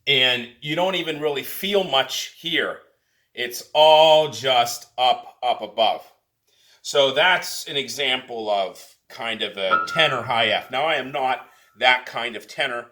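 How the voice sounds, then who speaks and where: A man, a tenor, giving a casual spoken singing lesson in a relaxed, halting way with many fillers and restarts. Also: medium pitch. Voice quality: tenor speaking voice. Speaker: singing teacher.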